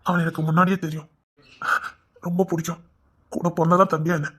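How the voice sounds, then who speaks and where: A man's voice: a little high, little pitch movement, fairly quick, fairly bright tone, breathy edge. A man telling a dramatic audio story and voicing every part in conversational dialogue. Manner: wondering, questioning, then conversational dialogue. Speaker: storyteller voicing all parts.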